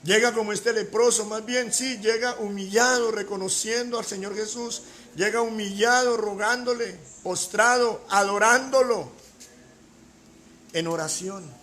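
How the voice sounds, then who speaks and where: A man's voice: high-pitched, fairly even intonation, a little slow, sharp tone, slight background noise. A man preaching a sermon as pastor, emphatic, with rhetorical questions and repeated key words.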